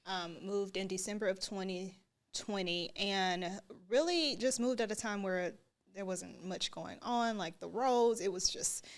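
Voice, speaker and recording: A woman guest answering interview questions in a measured way, with some hesitant fillers. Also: mid-range voice.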